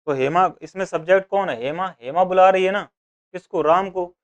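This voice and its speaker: Man teaching grammar, smooth clear voice. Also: high voice, moderate pace, lo-fi sound. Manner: asks and answers his own questions, voicing students. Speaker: exam coaching teacher. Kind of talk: grammar lesson for exam prep.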